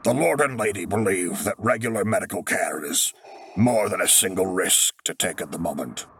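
A man voicing a brisk senior medic woman, dry and wry, giving orders calmly. The voice stays low for a woman's part. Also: husky, dry recording, exaggerated voice.

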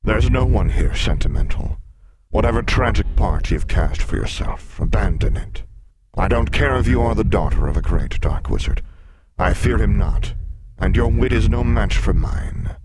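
A male narrator voicing a huge, ancient male sphinx who speaks in a booming, scornful way, louder than his narration. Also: animated, moderate pace, noisy background. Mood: menacing. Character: huge menacing male sphinx, lion-bodied, mocking, ancient. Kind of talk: audiobook character voice.

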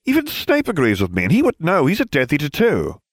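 A man putting on a petulant teenage boy wizard with a high, whiny voice that jumps around a lot. The delivery is quick and self-justifying, and the sound is dry and close. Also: wildly swooping pitch, no room sound, exaggerated voice. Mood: indignant.

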